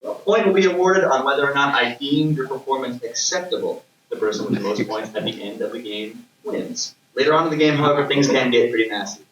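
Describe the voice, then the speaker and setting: A man's voice: mid-range voice, quick pace, few pauses. Teen boy host, casual, amused, echoey classroom, far mic, noisy. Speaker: game show host, student. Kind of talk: playful game show hosting.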